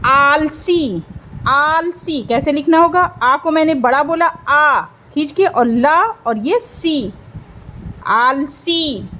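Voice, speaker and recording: A woman teaching a beginners' writing lesson as host, speaking slowly and clearly and drawing out sounds to show them. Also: high voice, fairly bright tone, slight background noise. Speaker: Hindi teacher.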